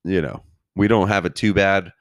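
A man's voice: deep voice, steady tone, normal speed, no room sound. A man co-hosting a podcast in a studio, chatting easily and dropping short joking asides. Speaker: podcast co-host. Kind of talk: casual podcast chat.

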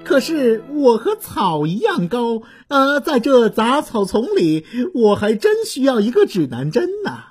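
A woman voicing an excitable young snake in a children's story, high and squealing. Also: measured pace, hardly any pauses, breathy edge, faint music behind, exaggerated voice. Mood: polite.

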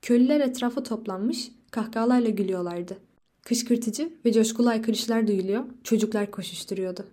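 A woman narrates a literary short story aloud in a measured, expressive reading. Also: fairly high pitch.

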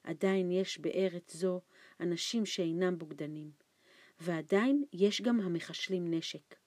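A woman reading an audiobook, voicing a frightened, starving old man who talks in anxious, hushed pleas. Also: dry recording, lightly acted. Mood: fearful. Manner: anxious hushed pleading, raised pitch. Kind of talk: audiobook character voice.

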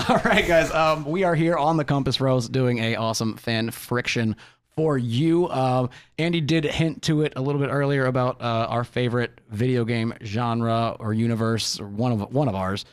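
A man with an average-pitched voice trades jokes on a podcast. He is quick to laugh and keeps things upbeat. The recording is dry and close. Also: clear, resonant tone, dry recording. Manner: jokey, laughs often, upbeat. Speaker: podcast co-host. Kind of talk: casual podcast chat.

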